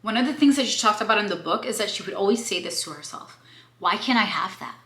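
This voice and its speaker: A woman's voice: mid-range voice, expressive, fast, sharp tone. Candid young woman vlogging in a roomy space. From Cuba. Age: 20s. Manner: candid and emphatic, with playful slang. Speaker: book reviewer. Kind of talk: casual confessional vlog. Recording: roomy echo.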